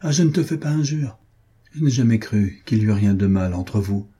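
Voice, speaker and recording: A man's voice: lowish voice, animated, moderate pace, mellow, slightly rough. A man reading an anguished, jealous husband who pleads with his friend in emotional outbursts, in an audiobook.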